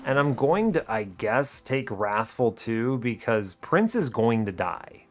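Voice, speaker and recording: Here the host of an educational gaming video series speaks slowly in a medium-pitched, sing-song voice, with faint music underneath. His commentary is casual and chatty, thinking aloud with light, wry understatement.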